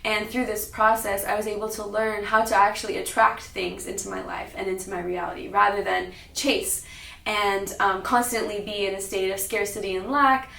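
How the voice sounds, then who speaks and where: A young adult American woman from Sacramento, California, tells her personal story as a public talk. Her mid-range voice is gravelly, pushed and bright, holding a level tone at a moderate pace. The mic sits at a distance in a roomy, echoing space.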